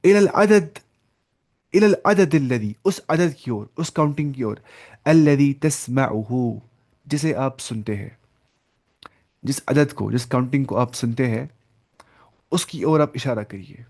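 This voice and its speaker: Patient man teaching an online class over a video call, slow repetition, mid-pitched voice. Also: expressive, darkish tone. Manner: patient, repeats each word slowly for the student. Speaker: Arabic teacher.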